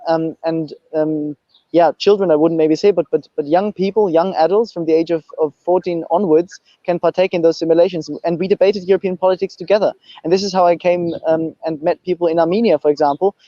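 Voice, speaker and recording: A man's voice: on the high side, dark tone, dry recording, highs cut off. A young man from Austria, giving panel remarks as a youth movement president, hesitant with frequent fillers, on a video call. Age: young adult. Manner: hesitant, many fillers and restarts.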